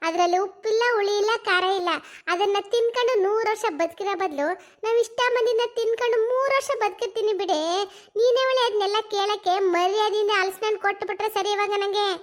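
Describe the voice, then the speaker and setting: A greedy old mother-in-law, put on by a woman for a cartoon comedy. She whines and grumbles in a high voice, pleading for a taste of forbidden food. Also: brisk. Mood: grumbling pleading. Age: older. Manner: whiny, complaining and pleading.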